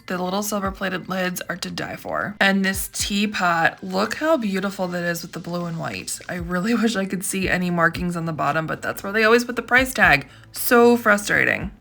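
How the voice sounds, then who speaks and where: A woman's voice: mid-range voice, moderate pace, vocal fry, sharp tone. A woman host narrating a casual thrifting vlog, gushing with enthusiasm over each find.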